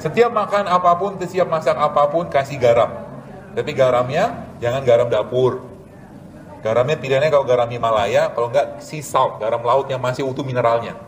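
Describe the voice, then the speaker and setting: A man, a doctor, giving a casual health lecture with a live demonstration, animated and joking, asking rhetorical questions and answering them himself. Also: medium pitch, brisk, a little hiss or hum, poor audio. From Indonesia. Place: event hall with audience.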